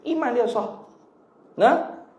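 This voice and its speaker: A man's voice: extremely high pitch, expressive, slow pace, darkish tone, echoey room. A man with a Kelantanese Malay accent teaching a religious study class, joking and drilling terms by repeating them. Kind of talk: kitab study class lecture.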